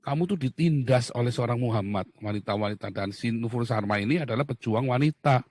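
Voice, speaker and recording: A man from Indonesia talking in a heated, casual monologue, blunt and mocking, swinging from loud outbursts to low muttering. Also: brisk, no room sound, studio quality. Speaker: talk show speaker.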